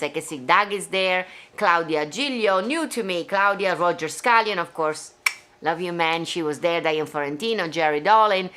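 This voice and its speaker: A woman in her forties from Venice with an Italian accent, chatting casually to viewers on her own live stream from her living room, very expressive. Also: on the low side. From Italy (Venice). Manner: chatty and expressive, gestures a lot, reads viewer comments. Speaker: singer hosting her own live show. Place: living room at home with framed pictures.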